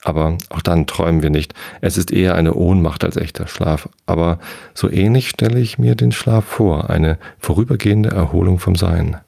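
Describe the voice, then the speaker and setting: A man's voice: low voice, moderate pace, gravelly, mellow, no room sound, studio quality, exaggerated voice. A man voicing a bitter, sleepless nightmare gnome in a bedtime story reading, lecturing in a condescending way. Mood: explaining.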